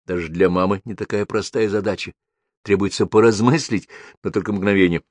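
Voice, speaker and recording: A man narrating a first-person story as an audiobook reader, in a lively, expressive reading. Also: fairly quick, no echo, studio quality. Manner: lively, expressive reading with wide pitch swings.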